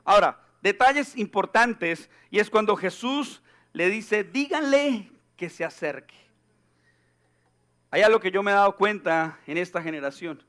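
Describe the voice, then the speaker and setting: Male pastor, high-pitched, playful and animated sermon delivery in a church. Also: normal speed. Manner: animated, joking, acts out quoted voices.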